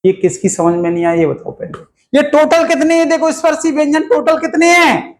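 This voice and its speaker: A male Hindi teacher in a classroom, teaching in a lively question-and-answer style and drilling the students with repeated questions. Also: very high-pitched, a little fast, roomy sound, poor audio.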